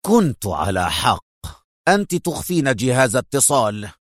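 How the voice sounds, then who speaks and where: A man's voice: medium pitch, big pitch swings, normal speed, fairly bright tone, no echo. An angry, stern male villain for an audiobook, voice dry and close, read by a male narrator.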